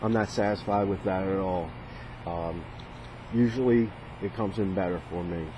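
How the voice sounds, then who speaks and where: This hobbyist's video features a man with a low voice and moderate pace, casually trying out a radio and thinking out loud with some hesitation. The recording is noisy, with radio static and shortwave chatter behind him.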